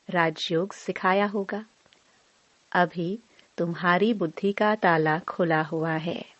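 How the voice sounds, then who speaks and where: A woman reading a devotional discourse aloud in a slow, measured recitation. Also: medium pitch, dry recording. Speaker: murli reader. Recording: dry, dull lo-fi voice recording.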